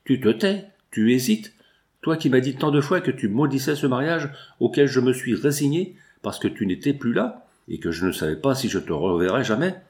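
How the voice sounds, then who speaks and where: A man's voice: mid-range voice, big pitch swings, moderate pace, a little mellow. A man voicing a desperate, jealous young woman who pleads with her lover in an audiobook. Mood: pleading. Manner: pleading, passionate.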